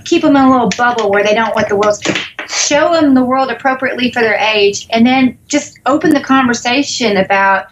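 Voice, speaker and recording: Middle-aged female guest, somewhat high-pitched, chatty, slight hiss behind her. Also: fairly bright tone, low-quality recording. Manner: chatty, filler-heavy. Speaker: interview guest. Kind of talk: casual interview chat.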